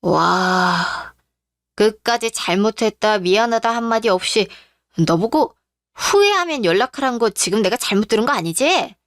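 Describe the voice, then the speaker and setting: A woman's voice: mid-range voice, animated, normal speed, a bit bright, dry recording, studio quality. Outspoken older sister, blunt and mocking, played by a woman. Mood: caring. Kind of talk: Korean radio drama.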